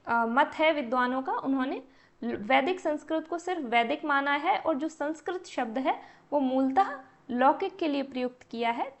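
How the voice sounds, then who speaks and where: High-voiced woman teaching a lecture. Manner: explains step by step, asks and answers own questions. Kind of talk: exam-prep lecture.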